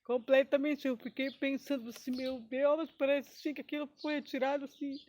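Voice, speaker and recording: A woman's voice: sits high, steady tone, normal speed, a little mellow, slight background noise. Emotional woman sharing a testimony. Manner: emotional, rambling, often adds "né?" and "sabe?"; breaks into praise exclamations. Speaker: believer giving a testimony. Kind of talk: personal spoken testimony.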